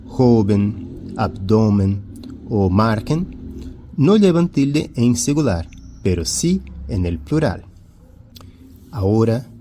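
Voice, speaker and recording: Slow, deliberate male language teacher. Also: on the low side, mellow. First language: Portuguese. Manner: slow, deliberate, repeats example words; switches between Portuguese and Spanish. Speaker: Spanish teacher. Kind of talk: classroom-style lesson.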